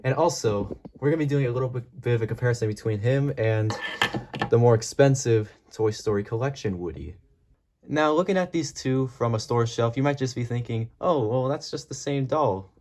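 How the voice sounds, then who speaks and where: A man's voice: mid-range voice, brisk. A man giving a casual product comparison as a toy reviewer. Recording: mellow home recording, faint noise.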